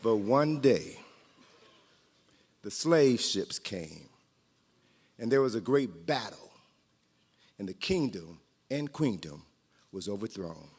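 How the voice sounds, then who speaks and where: This guest storyteller's voice is on the low side, a little mellow and slightly rough, moving slowly with long pauses and wide pitch swings. An author and historian, he reads a story to a live group in a large hall at a training event, playful and dramatic with joking asides. The hall is reverberant.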